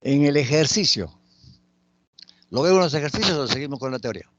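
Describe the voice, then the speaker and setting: A man teaching a lesson on letters and sounds, slowly and patiently listing example words one by one. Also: a little high, expressive, a bit bright, dry recording, highs cut off. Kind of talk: spoken grammar lesson.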